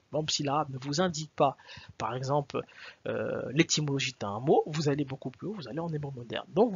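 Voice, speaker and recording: A man's voice: on the high side, breathy edge, lo-fi sound. A man giving an explanatory video lecture as a religious teacher, emphatic, repeating his points and asking his listeners questions.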